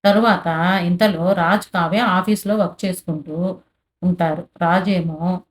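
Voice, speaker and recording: A woman hosting a channel, narrating a recap of a TV serial episode in a plain, steady storytelling way with habitual filler phrases. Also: on the low side, measured pace.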